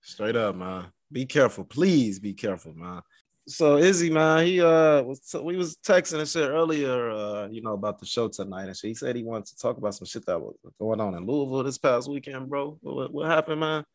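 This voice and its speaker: A man of middling pitch co-hosts a podcast, recorded close and dry. His talk is casual and conversational, full of slang and swearing. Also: a little fast, no echo. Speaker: podcast co-host. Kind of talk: casual profane chat.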